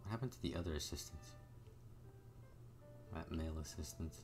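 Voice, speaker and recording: Very deep-voiced man, casual gamer. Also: brisk, over music. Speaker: gamer playing through a video game. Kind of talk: casual game commentary and reading dialogue aloud.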